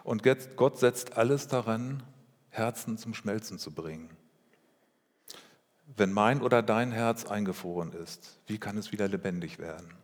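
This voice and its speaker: A man preaching a sermon as pastor, speaking in a measured way with rhetorical questions and repeated phrases. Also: fairly low pitch. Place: church. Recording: long reverb of a church hall.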